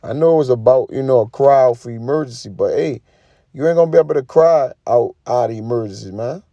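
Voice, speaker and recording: A man gives an informal sermon, reading scripture and commenting in an emphatic, colloquial way with frequent tag questions. His mid-range voice is fast and warm, with clean studio sound and no room sound.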